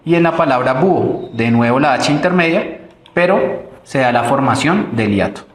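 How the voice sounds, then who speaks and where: A man's voice: medium pitch, lively intonation, moderate pace, reverberant. A man with a Colombian accent teaching a recorded online grammar lesson, explaining step by step with fillers and restarts.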